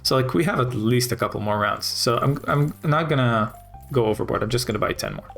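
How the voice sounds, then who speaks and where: A man's voice: mid-range voice, brisk, gravelly, fairly bright tone, faint music behind. A man casually commenting while playing a video game, rambling and thinking aloud with many fillers. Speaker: gaming video host.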